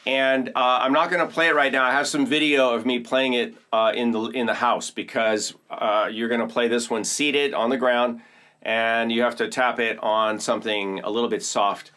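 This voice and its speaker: Speaking at a moderate pace with a medium pitch and fairly even intonation, an Oakland, California host sounds bright and forceful. He runs a casual percussion demonstration, eagerly explaining instruments to his viewers in an upbeat manner.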